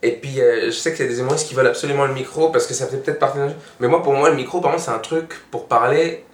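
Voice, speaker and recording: A man's voice: medium pitch, rapid-fire, a little hiss or hum. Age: middle-aged. Sex: man. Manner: rambling comedian in an echoey room. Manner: rambling, animated storytelling with many restarts. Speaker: stand-up comedian, guest. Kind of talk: casual chat.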